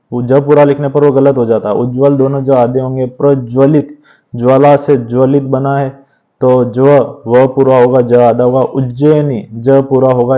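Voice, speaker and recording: A man teaching an exam revision class, explaining steadily and often checking in with a quick tag question. His voice is mellow and relaxed, at an ordinary pitch. The recording sounds somewhat dull and lo-fi. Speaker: Hindi grammar teacher.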